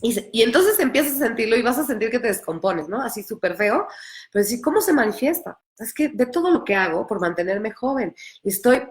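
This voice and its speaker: Woman coach, bit high voice, earnest, keeps repeating herself and acting out what people tell themselves. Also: animated, fairly quick. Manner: earnest, acts out inner voices, repeats key phrases. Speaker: empowerment coach. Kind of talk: live talk and group coaching.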